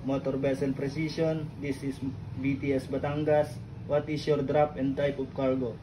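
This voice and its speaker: A man playing a port control operator, asking formal questions in measured radio procedure. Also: mid-range voice, flat delivery, dark tone, natural voice. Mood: businesslike. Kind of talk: formal scripted maritime radio exchange. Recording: very noisy background ambience.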